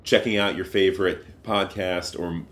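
A man co-hosting a podcast, talking in a thoughtful, halting way with frequent fillers and restarts. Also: low-pitched, steady tone, fairly bright tone. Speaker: podcast co-host. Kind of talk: casual podcast discussion.

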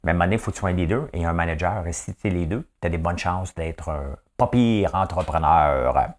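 A man's voice: sits low, brisk. A male host with a Quebec French accent, running a chatty trivia monologue that keeps tossing in "hein?" and slipping into English phrases.

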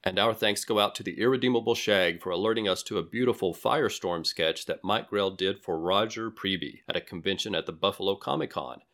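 Deep-voiced man co-hosting a podcast. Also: a little fast, hardly any pauses, fairly bright tone. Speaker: podcast co-host. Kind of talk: reading listener mail.

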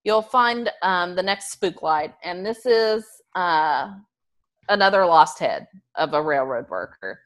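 A woman's voice: on the low side, animated, slow pace. A woman from the Ozarks telling local legends casually to co-hosts. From Ozarks, USA. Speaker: podcast storyteller. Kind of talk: casual storytelling from notes.

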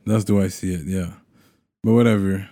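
Man, mellow dark voice, bilingual casual talk. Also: low voice, fairly even intonation, normal speed. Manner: switches between English and French. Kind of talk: casual chat about rap.

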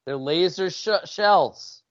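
A man's voice: high-pitched, slow, no echo. A man co-hosting a podcast with casual, wisecracking commentary on a film. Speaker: podcast co-host. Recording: dry, slightly dull audio.

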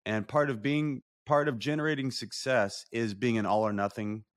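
A man with a mid-range voice co-hosts a podcast. He talks in an animated, loose way, piles up fillers and drops casual swears as he builds his point. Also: medium pitch, normal speed. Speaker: podcast co-host.

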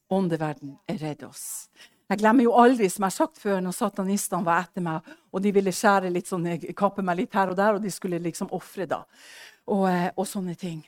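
A middle-aged woman preaching a sermon, fervent and swinging between hushed speech and loud exclamations, acting out the prayers and dialogue she retells. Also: medium pitch. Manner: acts out quoted prayers and dialogue.

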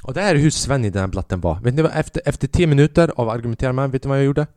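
A man's voice: mid-range voice, animated, darkish tone, no room sound. A young man hosts a podcast in a rambling, comic rant full of swearing. He tells his story with lots of animation. His voice sits mid-range and sounds dry and close to the mic. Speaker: podcast host. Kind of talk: comedic ranting monologue.

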